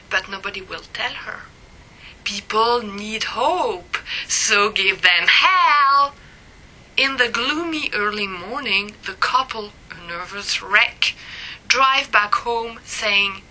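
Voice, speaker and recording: A woman's voice: on the high side, pushed and bright, poor audio. A woman reading her own blog post aloud, with a dramatic, sardonic delivery and whispered asides. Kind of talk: reading a personal essay aloud.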